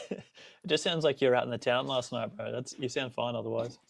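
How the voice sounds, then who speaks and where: A man co-hosting a podcast, easygoing and quick to laugh in casual chat. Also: medium pitch, gravelly, no room sound, clean studio sound. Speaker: podcast co-host.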